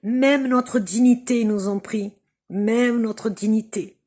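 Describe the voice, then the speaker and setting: A woman from Algeria making an impassioned spoken appeal to her viewers. She speaks slowly and emphatically, repeating phrases for stress. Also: fairly high pitch, steady tone, darkish tone. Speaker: vlogger addressing viewers.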